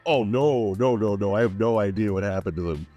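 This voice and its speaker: A man's voice: lowish voice, brisk, warm tone, highs cut off, faint music behind. A man chatting as a podcast guest, eager and full of restarts and filler words. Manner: enthusiastic, many "like" fillers and restarts. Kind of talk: casual chat.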